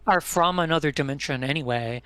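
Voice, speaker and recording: A man with a slightly raised pitch, chatting casually and explaining things eagerly with lots of filler words. His voice sounds dry and close to the mic. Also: a little fast, bright, forceful tone, smooth, dry recording. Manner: enthusiastic explaining, filler-heavy. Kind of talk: casual chat.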